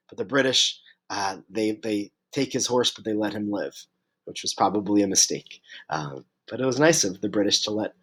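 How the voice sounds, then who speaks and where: A man with a mid-range voice teaches a history lesson while unwell, clearing his throat as he goes. His delivery halts, with many fillers and restarts.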